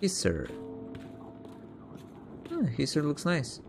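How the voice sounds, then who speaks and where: A man's voice: a little high, huge pitch swings, slow, creaky, over music. A man giving casual let's-play commentary, thinking aloud and reading text off the screen. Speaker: video game player and commentator.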